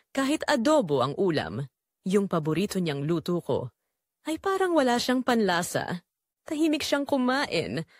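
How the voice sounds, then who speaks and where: This audio drama narration features a woman as a wounded middle-aged mother revealing her heartbreak. She speaks with earnest deliberation and a widely varying pitch, in a very dry recording that carries no room sound.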